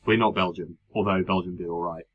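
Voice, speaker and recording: A man's voice: low voice, steady tone, fairly quick, narrow, tinny audio. A man co-hosting a podcast, chatting casually and wryly about politics, rambling with hesitant fillers. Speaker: podcast co-host.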